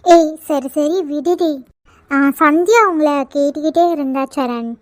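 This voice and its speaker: Squeaky chatty cartoon college girls. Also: a little slow, no echo. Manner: chatty, teasing. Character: chatty teenage college girl friends. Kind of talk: cartoon voice acting.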